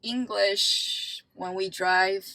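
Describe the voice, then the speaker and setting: Slow, chatty woman vlogger in a car. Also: mid-range voice, fairly even intonation, bright, forceful tone. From Taiwan. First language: Chinese. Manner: chatty and explanatory, walking viewers through steps. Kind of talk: casual vlog narration. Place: inside her car.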